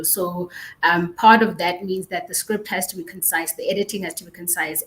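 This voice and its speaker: Woman, slightly low pitch, explanatory panel talk, faint noise and rumble behind. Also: low-quality recording. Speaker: panelist, podcast editor.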